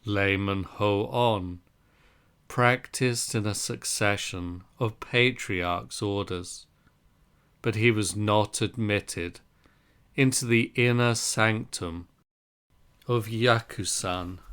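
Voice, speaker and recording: Slow, smooth-voiced man reading scripture. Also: fairly low pitch, a bit bright. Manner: measured, deliberate phrasing in short units. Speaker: reader of a Zen Buddhist text.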